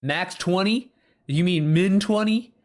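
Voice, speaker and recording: A man's voice: high-pitched, slow pace, darkish tone. Rambling, chatty man in his thirties. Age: 30s. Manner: rambling, chatty, many fillers and restarts; talks back to chat readers. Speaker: author and streamer. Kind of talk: casual live-stream chat. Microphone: streaming mic.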